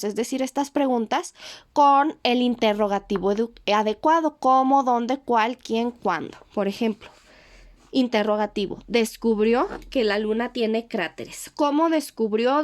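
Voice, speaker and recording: Mexican lady teacher going over homework, kinda high voice, slows down on key words. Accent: Mexican Spanish. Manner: patient, checks in often with short questions. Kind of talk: explaining homework to pupils.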